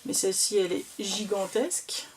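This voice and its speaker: A woman's voice: mid-range voice, normal speed. A woman chatting casually and enthusiastically as she shows off scrapbooking papers, with lots of fillers. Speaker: crafting vlogger.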